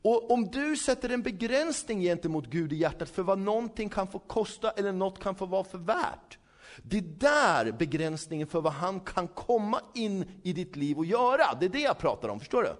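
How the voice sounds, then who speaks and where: A man preaching a sermon in a lively, conversational way, asking his listeners frequent questions and acting out the dialogue he retells. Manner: acts out quoted dialogue, dropping low and soft for asides.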